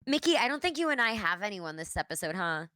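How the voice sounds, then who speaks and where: A woman's voice: medium pitch, sing-song, fast talker, sharp tone, no room sound. A woman hosting a voice-acting live read over a video call, introducing the cast in a teasing, upbeat way. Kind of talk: casual chat introducing the cast. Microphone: video call microphone.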